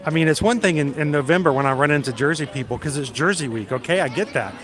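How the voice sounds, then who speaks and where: A middle-aged man from South Georgia with a deep Southern accent, chatting casually and folksily as he hosts a livestream. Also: lively intonation, fast. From South Georgia, United States. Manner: chatty, folksy, greets viewers by name. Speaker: livestream host. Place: outdoors in a busy theme park.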